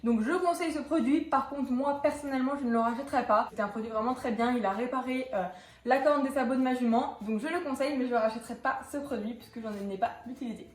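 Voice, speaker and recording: An equestrian vlogger, a young woman, chats through a casual product review, her speech full of fillers, small hesitations and restarts. Her voice sits high and moves fast, and the recording is reverberant.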